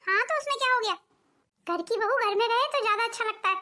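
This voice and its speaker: A woman's voice: very high-pitched, fast, pushed and bright. Woman voicing a bossy cartoon mother-in-law. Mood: scolding. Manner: bossy, lecturing. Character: strict controlling middle-aged mother-in-law. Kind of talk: cartoon voice acting.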